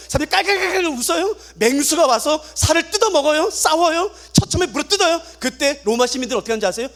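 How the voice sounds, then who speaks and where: A man's voice: high-pitched, fairly bright tone. A man pastor preaching a dramatic sermon at a prayer meeting, often questioning the congregation.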